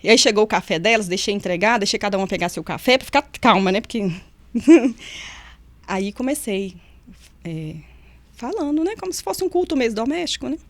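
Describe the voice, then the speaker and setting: A woman's voice: on the high side, fairly quick, no echo. A middle-aged woman, recounting memories in a casual interview and acting out the voices she quotes. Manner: lively storyteller who acts out quoted voices. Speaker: nutritionist and former prison officer, guest.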